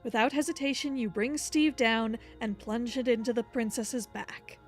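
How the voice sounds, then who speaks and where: A stern storybook narrator for a dark game, read by a woman in a fairly high voice. The delivery is dramatic and insistent, with music underneath. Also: normal speed, close to an everyday voice.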